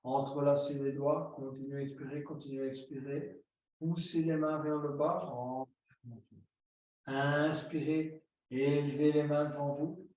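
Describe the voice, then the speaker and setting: A man leading a yoga class, giving slow, calm breathing and posture cues step by step. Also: on the high side. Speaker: yoga teacher. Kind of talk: guided yoga instruction. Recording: very echoey room, distant mic.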